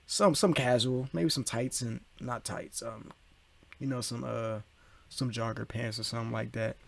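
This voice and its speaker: A man's voice: mid-range voice, fairly even intonation, moderate pace, gravelly. A man streaming live, reacting to a video in loose, slangy casual chat, repeating himself and talking over it. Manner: talks over the video, slangy, repeats "bro", keeps apologizing for laughing.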